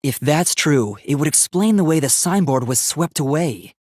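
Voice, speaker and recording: An earnest, logical young male robot student from an English video game speaks formally and precisely at normal speed, as though reasoning through each statement, with lively pitch variation. The dry recording has no room around it, and the mood is analytical and serious.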